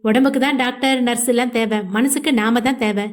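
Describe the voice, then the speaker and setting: A woman's voice: on the high side, fairly even intonation, fairly quick, natural voice. An earnest, determined young woman who looks after her family, read by a woman narrator. She speaks sincerely and reassures the people around her.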